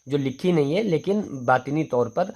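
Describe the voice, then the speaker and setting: A man leads a Quran reading lesson. He explains each rule patiently and step by step. He often slows right down to spell out letters and repeat words. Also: a little high, animated, a little mellow.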